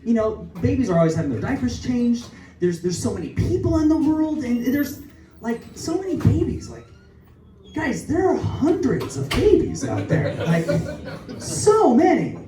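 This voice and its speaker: A man's voice: extremely high pitch, sing-song, moderate pace, mellow, a little hiss or hum. Young male stand-up, self-deprecating and rambling; room echo and a far mic. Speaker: stand-up comedian. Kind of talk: stand-up comedy set. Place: comedy club stage. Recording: echoey club from far off, with crowd. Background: audience laughter.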